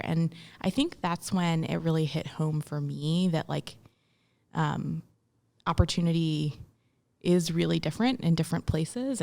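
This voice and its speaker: Her voice sits low, darkish and touched with vocal fry as she reflects during a casual interview. She's a young woman from Memphis, Tennessee, US, and she frequently ums and begins her sentences again.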